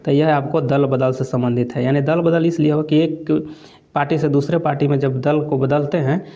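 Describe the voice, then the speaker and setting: Quiz teacher repeating "theek hai". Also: male voice, fairly high pitch, fairly even intonation, moderate pace, dark tone, highs cut off. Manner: repetitive, keeps adding "theek hai". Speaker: exam coaching teacher. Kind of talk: quiz lesson walkthrough.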